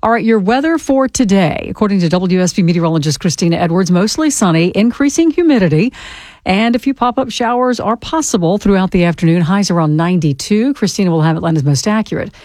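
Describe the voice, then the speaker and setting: A woman anchoring a radio newscast, reading headlines in a brisk, formal way. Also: medium pitch, lively intonation, a little mellow, no room sound. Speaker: news anchor. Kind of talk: radio news read.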